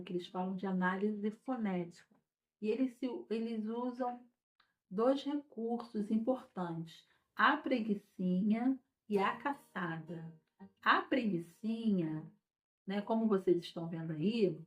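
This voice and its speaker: A woman teacher explaining a lesson patiently, often checking in with her listeners as she goes. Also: medium pitch. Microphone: recorded without a microphone. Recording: dull lo-fi sound without a microphone.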